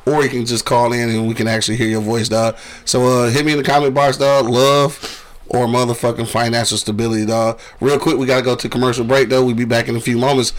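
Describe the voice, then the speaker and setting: A man's voice: medium pitch, level tone, quick pace. A man hosting a casual radio show, bantering loosely with profane trash talk.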